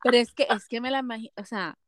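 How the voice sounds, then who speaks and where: A woman's voice: on the high side, quick pace, dry recording, studio quality. Chatty code-switching woman. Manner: animated, mixes English phrases into Spanish. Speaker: podcast co-host. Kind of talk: casual chat about a reality dating show.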